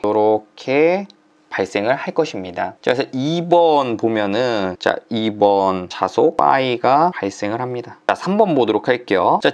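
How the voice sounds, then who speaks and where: A man teaching an online exam-prep lecture in a chatty way, full of fillers and pauses. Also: medium pitch. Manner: chatty, uses many fillers and drawn-out "ja".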